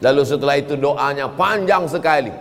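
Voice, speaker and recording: A man preaching a sermon, lively and breaking into chanted prayers now and then. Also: fairly high pitch, a little fast, slight background noise. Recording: long hall reverb.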